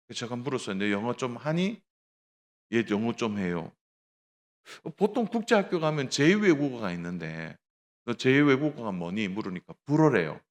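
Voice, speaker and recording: Middle-aged male pastor, sermon delivery, animated pitch, acts out the dialogue in his stories. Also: moderate pace. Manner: tells a story with acted dialogue, addresses the congregation directly.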